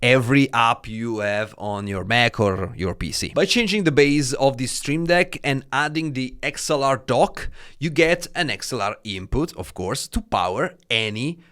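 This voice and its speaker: A man with an Italian accent gives a relaxed product review at a mid-range pitch. He talks in a chatty way, sprinkling in "uh" and "like" as he goes. His voice comes through a close dynamic studio mic. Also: a little slow, smooth. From Italy. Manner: chatty, many fillers like "uh" and "like". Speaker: tech reviewer. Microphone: dynamic studio mic through an audio dock.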